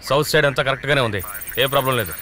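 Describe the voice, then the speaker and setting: An actor playing a police officer who speaks in clipped call-outs over a crackly police radio. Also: male voice, mid-range voice, very fast, a crowd in the background.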